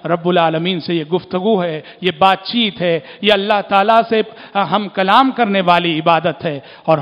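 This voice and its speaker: High-voiced preacher man in an echoing hall. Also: dull audio. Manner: oratorical, repeats phrases for emphasis. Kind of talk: sermon. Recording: long hall reverb.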